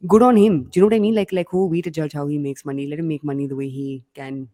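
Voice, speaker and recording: Animated Indian woman podcast host, mellow tone. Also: sits low, racing. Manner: animated, emphatic, filler-heavy. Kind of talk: casual business news chat.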